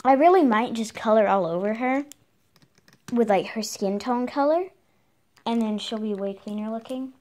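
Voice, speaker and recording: A woman's voice: fairly high pitch, moderate pace, darkish tone. A female doll vlogger chatting casually to her viewers. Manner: chatty, talks to viewers and dolls as if real. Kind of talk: casual vlog chat.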